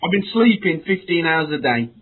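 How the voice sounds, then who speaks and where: Guy in a deadpan comedy bit, stammers a lot, high voice, tinny phone-ish sound. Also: fairly quick, husky. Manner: hesitant, stammering, mock-glum. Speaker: co-host.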